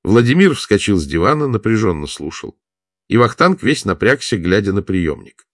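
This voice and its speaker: A man narrating a war story in a steady, measured reading. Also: lowish voice, no room sound, studio quality. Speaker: audiobook narrator. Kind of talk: scripted narration.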